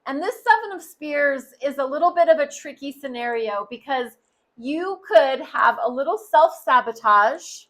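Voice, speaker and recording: A woman's voice: high-pitched, fairly bright tone. A woman giving a tarot card reading, speaking earnestly and straight to the listener. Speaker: tarot reader.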